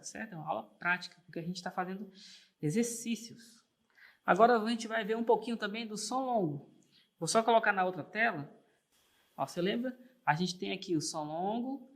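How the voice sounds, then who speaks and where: A man's voice: high-pitched, a bit bright. A man teaching an online music theory lesson, patient and encouraging, often checking in with the learner and singing single sustained notes while clapping the beat.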